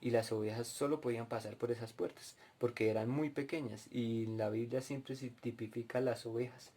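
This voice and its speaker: A man gives a sermon-style testimony, recounting a dream and then moving into Bible teaching. His voice is mellow and dark at an ordinary pitch. He often speaks straight to his listeners. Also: steady tone, normal speed. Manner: storytelling, addresses listeners directly. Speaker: preacher at a cell group.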